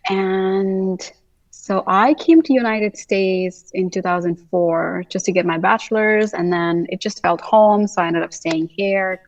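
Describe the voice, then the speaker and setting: A woman in her thirties from Nepal, a yoga teacher talking casually in an interview, slow and thoughtful with laughs. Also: lowish voice, distant mic, muffled recording. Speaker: guest, yoga teacher and gift business owner.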